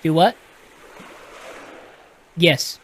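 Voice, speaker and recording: Drawing out his words, a man with a Texan accent reads a gamebook aloud and chats informally about how its rules work for a live audience. He explains casually, restarting sentences and correcting himself often; a little hiss or hum is audible.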